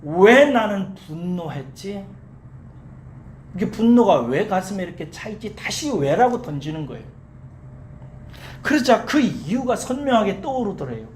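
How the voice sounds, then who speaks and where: A pastor preaches in a church and tells a story with a lively, rising and falling delivery. Rhetorical questions go out to the congregation, and key words are drawn out slowly. The voice rings through a roomy hall over a faint background hum. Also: medium pitch. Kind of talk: sermon.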